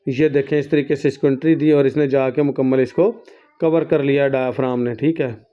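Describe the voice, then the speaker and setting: Man, teacher's lecture, flat steady tone, smooth clear voice, slightly dull recording. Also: medium pitch. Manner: reads English lines slowly then explains each, calls students "beta". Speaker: nursing course teacher. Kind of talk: lecture reading and explaining textbook.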